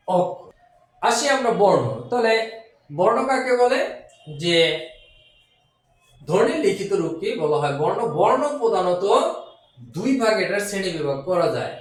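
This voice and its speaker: A man with a high voice teaches a grammar lesson in a very echoey room. He sits some way back from the mic. He goes step by step, repeats each point and keeps asking the listener questions. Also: recorded from a distance. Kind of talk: classroom-style grammar lesson.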